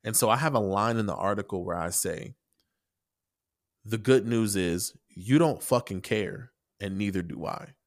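A man's voice: fairly low pitch, moderate pace. A man in casual podcast chat, rambling with many restarts and casual swearing as he explains an article he wrote. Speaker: podcast co-host and article writer.

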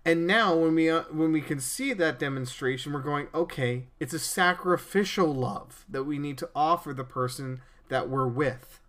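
Man, podcast host, earnest preachy monologue, stammering restarts, slightly high voice. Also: normal speed, hardly any pauses, a bit bright.

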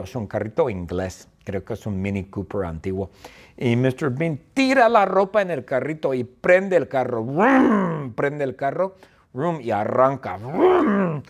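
A male teacher narrating a story slowly and playfully for language learners, repeating phrases and adding sound effects. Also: mid-range voice. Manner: slow, repetitive, playful retelling with sound effects.

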